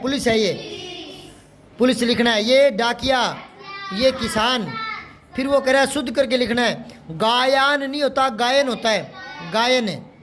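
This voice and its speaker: A man's voice: extremely high pitch, slight background noise. A male teacher going through a Hindi workbook, patiently asking questions and repeating corrections. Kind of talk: classroom lesson explaining a workbook.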